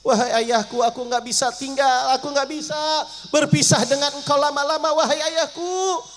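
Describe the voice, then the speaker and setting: A man doing a tearful young daughter, high and pleading. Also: fairly even intonation, moderate pace, fairly bright tone, faint music behind. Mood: weeping plea.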